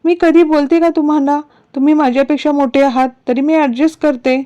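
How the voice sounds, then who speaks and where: A woman's voice: sits high, steady tone, a little fast, warm tone, voice pushed up, natural voice. A woman reading a pouty, coaxing young wife. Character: playful pleading young wife. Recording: dull lo-fi recording.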